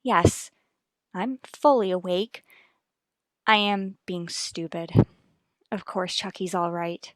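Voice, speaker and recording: In an old-time radio soap, a woman plays a troubled, guarded wife and mother, restrained and evasive, sounding shaken and anxious. Her lowish, fairly bright voice moves slowly with long pauses, and there is no room sound.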